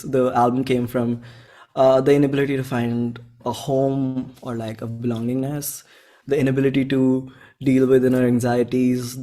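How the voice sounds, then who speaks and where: In a casual interview, an Indian musician in his twenties talks informally, thinking aloud and leaning on the word "like." He has a warm, mid-range voice.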